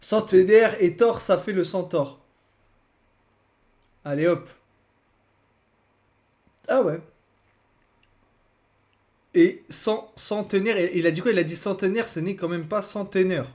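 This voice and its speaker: A man's voice: high-pitched, takes it slowly, long pauses, a little mellow. Slangy young man streaming. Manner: slangy, laughing, repeats himself. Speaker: streamer reacting to a video. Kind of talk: casual live-stream reaction.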